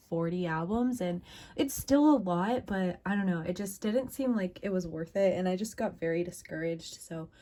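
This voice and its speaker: A woman's voice: mid-range voice, darkish tone. Young woman vlogging at her desk, bubbly n chatty, bit of a cough, lots of likes and ums. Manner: chatty, upbeat, lots of fillers. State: recovering from a cough. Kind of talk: casual chat. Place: home desk.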